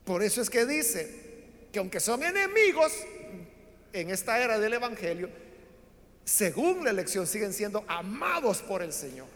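A man preaching a sermon, telling a Bible story in an animated way and acting out the people in it. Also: sits high, normal speed. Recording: long hall reverb.

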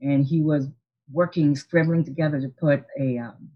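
Heard in lo-fi sound, a woman with a low-pitched, fairly even voice speaks at normal speed. As a guest in a casual interview over a video call, this Haitian optometrist and practice owner in her forties tells her story earnestly and reflectively, restarting often and laughing softly.

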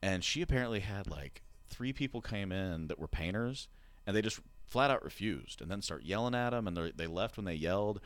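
A man's voice: deep voice, expressive, brisk, no echo. A man chatting casually as a podcast co-host, rambling with lots of fillers. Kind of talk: casual chat.

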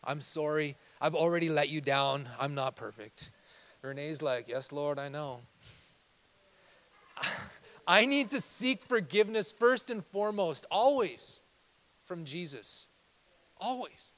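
A male pastor preaching a sermon in church, moving between quiet confessional passages and loud, fervent exhortation. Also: on the high side, lively intonation, unhurried.

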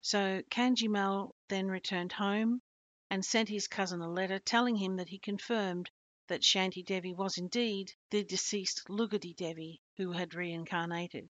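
A woman hosting a podcast reads a story aloud in a steady, earnest way. Her voice sits at a middle pitch. The recording is muffled and dry. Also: moderate pace, dry recording. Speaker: podcast host. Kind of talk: storytelling narration.

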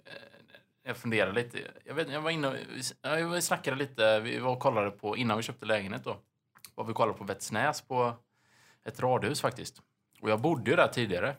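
A man's voice: mid-range voice, fairly bright tone. A man co-hosting a casual podcast chat, telling stories animatedly and acting out the voices in them. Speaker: podcast host.

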